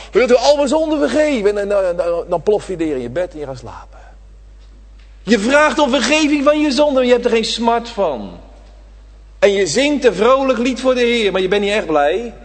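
A man preaching a sermon to his congregation, swinging between loud emphatic lines and hushed ones. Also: high-pitched, big pitch swings, moderate pace. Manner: addresses the congregation directly. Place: church. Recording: reverberant church hall.

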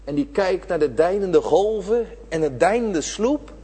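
A man preaching a sermon, impassioned, swinging from loud appeals to hushed whispers, in a church. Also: sits high, expressive, measured pace, husky. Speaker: pastor. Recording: reverberant church hall.

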